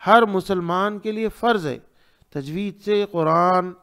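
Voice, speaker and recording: A man with a Hyderabadi Urdu accent teaching Quran tajweed, reciting verses slowly and then quickly explaining the sounds. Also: high voice, gravelly, a bit bright, clear, resonant tone. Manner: slow drawn-out recitation alternating with quick explanations. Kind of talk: tajweed lesson, reciting and correcting.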